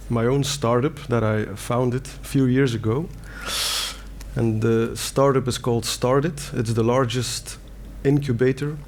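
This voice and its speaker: In a conference hall, a middle-aged Belgian man delivers an earnest talk in plain words, with fillers and restarts. He's a native Dutch speaker with a Belgian Dutch accent. His voice is mid-range and darkish, and the recording carries a little hiss or hum.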